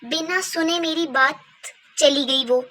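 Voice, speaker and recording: A woman's voice: high voice, slow, bright, forceful tone, slight background noise, exaggerated voice. A woman voicing a strict, worried mother in a doll-play story, lecturing her daughter firmly. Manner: lecturing, firm.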